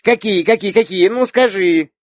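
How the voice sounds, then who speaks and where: A man's voice: normal speed, no echo, clean studio sound, close to an everyday voice. A man voicing a chirpy little girl. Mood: chatty. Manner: eager, questioning, high childlike voice. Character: cheerful chatty little girl. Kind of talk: audiobook character voice.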